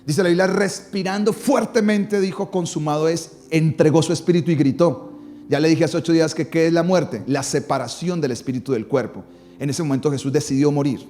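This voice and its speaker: Man, pastor, dramatic sermon, rising and falling emphasis, slightly high voice. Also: brisk, dark tone.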